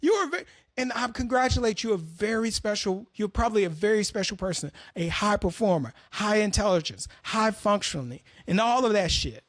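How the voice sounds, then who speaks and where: A man's voice: high voice, lively intonation, a little fast, few pauses, a bit bright, dry recording, clean studio sound. A man hosting an opinionated commentary monologue, talking bluntly and profanely as he tells stories. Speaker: host.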